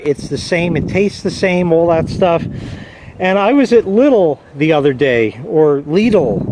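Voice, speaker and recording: A man's voice: high-pitched, rough recording. An American man rambling casually, with a profane and opinionated manner, recorded outdoors. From United States. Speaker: vlogger. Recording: loud wind and traffic noise.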